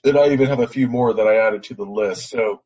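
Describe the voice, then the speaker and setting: A man's voice: medium pitch, quick pace, darkish tone, slightly rough, muffled recording. A man being coached on a call, answering earnestly and often restarting his phrases. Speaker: team leader being coached. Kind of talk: call conversation.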